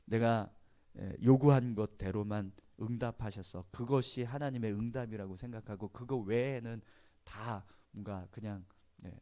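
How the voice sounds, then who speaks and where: A man's voice: lowish voice, mellow. A male pastor giving an early morning sermon in a conversational, storytelling way, often dropping in short affirming interjections.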